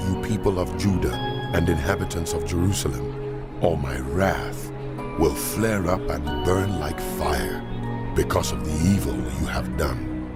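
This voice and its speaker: An actor playing God as a solemn, commanding and wrathful male deity in a dramatized scripture reading. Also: low-pitched. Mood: stern warning. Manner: solemn, authoritative, declamatory.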